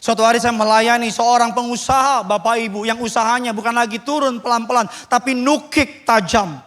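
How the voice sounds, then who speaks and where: High-voiced animated male pastor preaching. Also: fairly quick. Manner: animated, acts out dialogues, mixes in English. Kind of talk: sermon.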